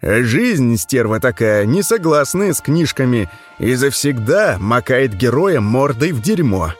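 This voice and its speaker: Man reading a gruff, sardonic vampire. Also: medium pitch, sing-song, unhurried, faint music behind.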